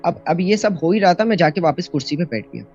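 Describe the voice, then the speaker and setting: A man's voice: sits high, expressive, fast, a little mellow. A young man from Pakistan telling a personal horror story in a casual, rambling way, full of fillers and restarts, recorded as a phone voice note. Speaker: storyteller sharing a personal encounter. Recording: dull lo-fi voice note, faint music.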